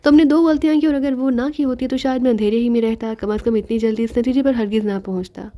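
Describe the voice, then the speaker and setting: A woman's voice: a little high, steady tone, dark tone, lightly acted. A woman voicing a sly young male detective who rambles and teases, then lays out his reasoning. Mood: calm explaining. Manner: rambling, mocking, teasing.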